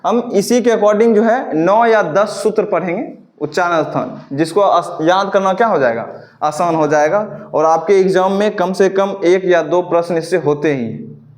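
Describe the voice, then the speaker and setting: A man teaching a classroom grammar lesson, asking a question and answering it himself, and slowing down to dictate notes. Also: high voice, a little mellow. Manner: repeats questions and answers in call-and-response; slow, dictating pace for note-taking. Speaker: Sanskrit teacher.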